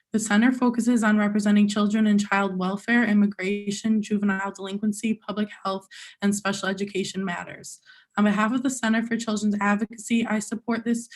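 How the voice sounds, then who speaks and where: A young woman in her twenties, a law student, reading formal prepared testimony while losing her voice. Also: medium pitch. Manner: steady, formal reading in an even tone. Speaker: legal intern giving testimony.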